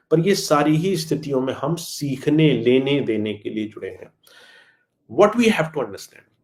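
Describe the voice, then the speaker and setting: A man's voice: mid-range voice, gravelly, a little mellow. A man giving a live spiritual talk, answering listeners' questions in an earnest, friendly way and slipping in English phrases. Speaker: spiritual teacher.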